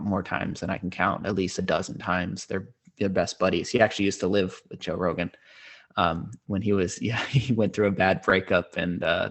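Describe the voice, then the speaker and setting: A man in his thirties, a podcast host, telling a personal story in a casual, unhurried way that gets animated when he quotes others. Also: on the low side. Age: 30s.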